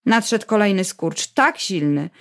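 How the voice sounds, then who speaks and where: A woman reading a novel aloud in a steady, measured storytelling voice. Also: mid-range voice. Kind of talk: audiobook narration.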